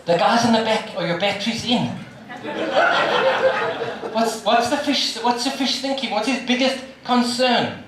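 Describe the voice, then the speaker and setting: An older man with a South African accent giving a live motivational talk, firing questions at the audience in an animated way. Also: very high voice, moderate pace, hardly any pauses, a crowd in the background. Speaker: motivational speaker. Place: large hall with a live audience. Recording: echoey hall, from a distance, audience audible.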